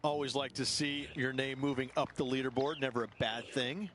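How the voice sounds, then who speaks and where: A male course analyst gives golf broadcast commentary in a conversational, emphatic style. His mid-range voice is close to an everyday one, fairly quick with fairly even intonation, and clear background ambience noise is audible.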